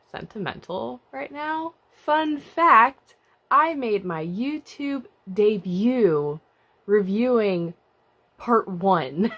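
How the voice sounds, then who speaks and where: Lively chatty woman vlogger. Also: mid-range voice. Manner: chatty, self-mocking, giggly asides. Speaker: K-pop vlogger. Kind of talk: casual monthly review vlog.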